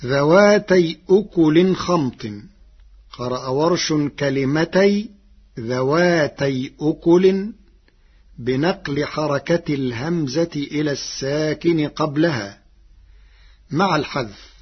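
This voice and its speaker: A man presenting a lesson on recitation variants in a measured way, chanting the quoted verses more loudly than his explanations. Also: on the high side, slightly rough. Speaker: presenter of a Quran reading lesson. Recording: dull lo-fi recording.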